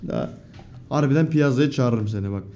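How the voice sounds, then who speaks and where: A young man streaming live, casually reading out his viewers' messages, cursing freely and breaking into loud outbursts. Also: medium pitch, fairly quick, gravelly. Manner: profane, swearing often, loud outbursts.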